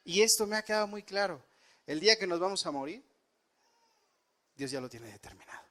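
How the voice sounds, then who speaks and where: A man's voice: high voice, expressive, brisk, a bit bright. A man preaching a sermon, telling a personal story earnestly and rising and dropping his voice for emphasis. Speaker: pastor.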